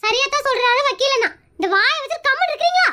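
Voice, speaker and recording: A woman's voice: extremely high pitch, animated, fast talker, sharp tone, full character voice. A woman playing a feisty wife in a comedy skit, scolding and bickering with a Kongu Tamil accent. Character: feisty wife seeking divorce, scolding her husband.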